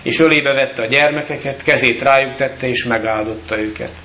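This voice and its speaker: A male pastor giving a solemn, measured baptism sermon with scripture readings in a church. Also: medium pitch, bright, forceful tone, roomy sound, lo-fi sound, slight background noise.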